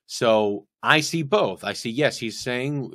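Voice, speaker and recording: A man's voice: medium pitch, slow, a bit bright, no room sound. A man talking through his faith in casual conversation, earnest and rambling, often restarting his sentences.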